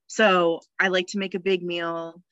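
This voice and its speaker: Woman, cheerful and chatty podcast guest, bright and forceful voice, dry dull recording. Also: fairly low pitch, little pitch movement, a little slow, no echo. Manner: chatty, cheerful, laughs often, many fillers. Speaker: podcast guest, death midwife. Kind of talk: casual podcast conversation.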